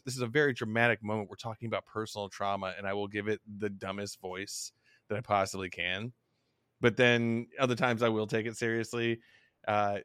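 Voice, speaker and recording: A man's voice: on the low side, a bit bright, no echo, clean studio sound. A man co-hosting a podcast, rambling in a casual, self-deprecating way with many restarts. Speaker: podcast co-host.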